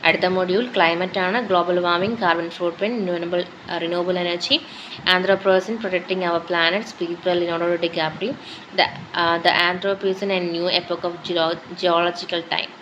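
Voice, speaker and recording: Slow, low-voiced Malayali woman reading a syllabus. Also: steady tone, a bit bright, muffled recording, a little hiss or hum. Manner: reads topic lists in short phrases, switching between English and Malayalam. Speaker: teacher going through a syllabus.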